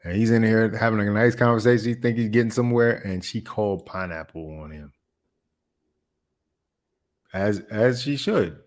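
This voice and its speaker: Casting: male host, lowish voice, casual reaction commentary, chatty and repetitive. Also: moderate pace, pauses often. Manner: chatty, laughs often, repeats phrases.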